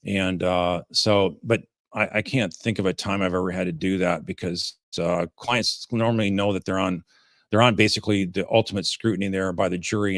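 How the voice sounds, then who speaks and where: A man hosting a livestream of legal commentary, talking informally and haltingly as he takes audience questions. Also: sits low, no room sound, clean studio sound. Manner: halting, informal, rambling delivery. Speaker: host, defense lawyer commenting on a trial.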